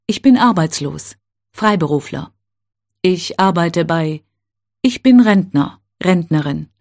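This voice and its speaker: Female teacher, mellow voice, unhurried drill reading with careful gaps between phrases. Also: on the low side, animated. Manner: slow, careful, clearly spaced phrases. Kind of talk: reading set phrases for learners.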